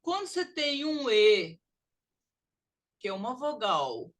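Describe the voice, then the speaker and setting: Brazilian woman, higher voice, slow deliberate phonics teacher, over-articulated sounds. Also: big pitch swings. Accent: Brazilian Portuguese. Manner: drawn-out, exaggerated model sounds. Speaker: literacy teacher. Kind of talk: pronunciation lesson.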